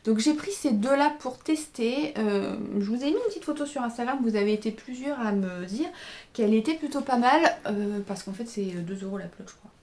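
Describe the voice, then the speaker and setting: At home in an indoor room by a window, a woman hosts a knitting podcast, chatting casually and showing her yarn and socks to the camera. She sounds hesitant, with lots of fillers and self-corrections. Her fairly high voice is expressive, a little fast, and a little mellow.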